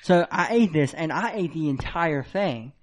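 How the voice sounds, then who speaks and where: A man's voice: a little high, normal speed, slight background noise. A young man co-hosting a podcast, chatting casually, teasing his friend and filling his talk with "like" and "um". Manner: excitable, teasing, many fillers. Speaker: podcast co-host. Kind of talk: casual chat.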